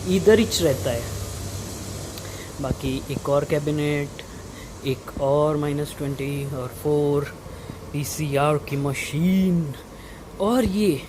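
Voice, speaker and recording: A young man giving a casual vlog tour, informally mixing in English technical terms, his voice slightly muffled by a face mask. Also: a little high. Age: young adult. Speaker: vlogger and lab researcher. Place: indoor research lab. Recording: muffled by mask, clear equipment hum. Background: running lab equipment and air conditioning hum.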